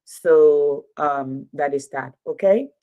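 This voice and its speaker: A woman's voice: low-pitched, slow pace, dark tone. A woman in her fifties hosting a casual livestream, talking emphatically and repeating phrases for effect. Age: 50s. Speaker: livestream host. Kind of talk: casual livestream talk and commentary.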